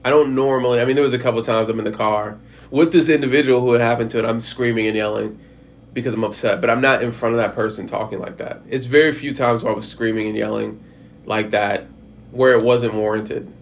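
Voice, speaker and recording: A man's voice: medium pitch, fairly even intonation, a little fast, a little hiss or hum. A man talking casually and frankly about handling hard conversations, rambling with frequent restarts and the odd swear word. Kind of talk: casual advice monologue.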